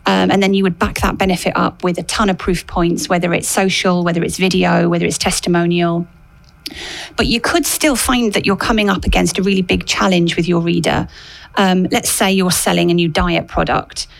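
Creaky-voiced woman giving expert advice. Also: on the low side, steady tone, fairly quick, low-quality recording. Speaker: guest copywriting expert.

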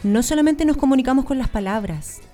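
A Chilean woman with a somewhat high, mellow voice talks through her ideas in a lively, explanatory way. She is a guest speaker in a relaxed interview. Soft music plays faintly behind her. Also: brisk. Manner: animated, explanatory. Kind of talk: casual interview chat.

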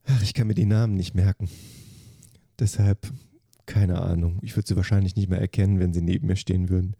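A man's voice: deep voice, little pitch movement, very fast, dark tone, slightly rough, no echo, studio quality. A man, a dance teacher from Germany, giving short, matter-of-fact answers in an interview. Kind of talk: quick-fire interview answers.

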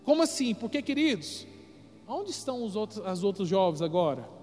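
A man's voice: high-pitched, big pitch swings, brisk, darkish tone. A man preaching emphatically to a youth congregation as pastor. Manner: emphatic, addresses the congregation directly. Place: church sanctuary. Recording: reverberant church hall with music behind.

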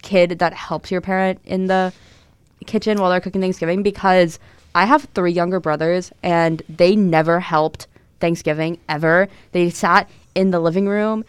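Young woman co-host, smooth and lowish, chatty storyteller. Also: fairly even intonation, moderate pace, no room sound. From Tennessee. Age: 20s. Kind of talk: casual chat.

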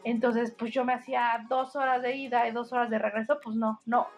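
Young woman, Mexico City accent, slangy, fairly high voice, faint music behind. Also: fairly quick. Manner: slangy, animated storytelling, acts out quotes. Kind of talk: casual chat.

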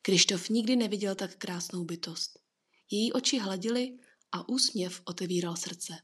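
A woman reads a children's storybook aloud in a soft, hushed way, her voice airy and breathy. The pitch sits in the middle, and the telling stays calm and unhurried. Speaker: narrator. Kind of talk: storybook narration.

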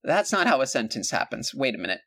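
A male podcast co-host with a middling pitch, chatting casually and comically. He rambles and jokes, with frequent fillers and self-corrections. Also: sing-song, quick pace, a bit bright. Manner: rambling, joking, many fillers and restarts. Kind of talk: casual comedic chat.

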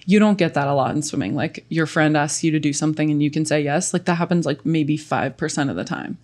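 A woman's voice: low voice, fast talker, darkish tone. A woman in her late twenties, a swimmer guesting on a podcast, chatting casually with lots of "like" and "um" and frequent laughs. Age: late 20s. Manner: chatty, filler-heavy, laughs often.

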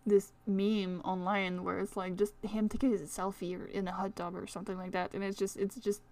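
A woman's voice: mid-range voice, level tone, a little fast, warm tone. A woman with a French accent hosting a casual solo podcast, talking in a rambling, chatty way full of fillers. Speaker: astrology podcast host.

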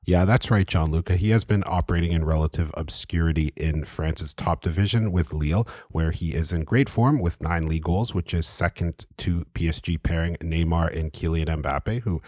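A man co-hosting a sports podcast, giving measured analysis with dry humor. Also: low voice, darkish tone, no echo.

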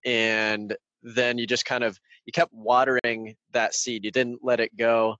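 A man's voice: medium pitch, flat delivery, unhurried, sharp tone, no echo, lo-fi sound. Casual male podcaster, very dry closet sound. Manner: rambling, conversational, informal. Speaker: podcast host. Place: small clothes-filled closet as home studio.

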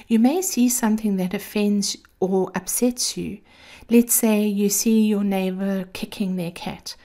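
Sultry, creaky-voiced woman host. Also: medium pitch, dark tone. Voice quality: sweet, creaky. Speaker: host of a daily encouragement series. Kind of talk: scripted motivational monologue.

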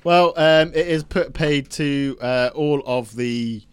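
A man's voice: fairly high pitch, takes it slowly, clear, resonant tone, no echo. Man, laid-back banter, local radio co-host, dry studio. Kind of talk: casual chat.

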